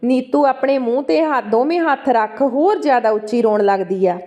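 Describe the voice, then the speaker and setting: A woman's voice: high-pitched, moderate pace, mellow. A woman with a Punjabi accent reading a story aloud as narrator, voicing the dialogue along with the narration.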